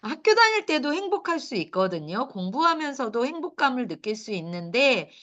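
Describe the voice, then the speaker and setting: Woman, middle-aged, lecture to mothers, lively pitch, asks the room questions. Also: fairly quick, highs cut off. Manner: animated, asks the audience questions, laughs at her own points. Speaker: lecturer for parents.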